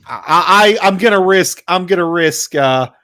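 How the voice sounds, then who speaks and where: A man's voice: sits high, expressive, measured pace, pushed and bright. A man hosting a casual podcast chat with friends. He rambles, cracks jokes and steers the talk. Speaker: podcast host.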